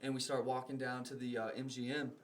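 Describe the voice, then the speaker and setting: A man's voice: mid-range voice, flat delivery, quick pace, slight background noise. A young man, a podcast guest, telling a story in casual, rambling talk full of filler words.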